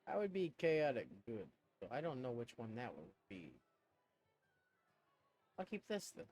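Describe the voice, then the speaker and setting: A man's voice: medium pitch, wildly swooping pitch, a little slow, darkish tone, faint music behind. A man chatting casually and rambling in a self-conscious way as he plays a game, thinking aloud as he goes. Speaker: video game streamer. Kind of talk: casual chat and commentary while playing a game.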